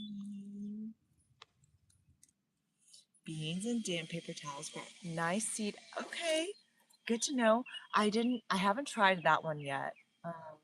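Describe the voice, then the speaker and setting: Woman, gardening livestream host, chatty, a bit low, recorded on a phone at a distance outdoors, noisy background. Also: fairly bright tone. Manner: chatty, reads viewer comments aloud, talks while working. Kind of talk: casual live garden chat. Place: outdoor garden in light rain. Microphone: phone set up outdoors.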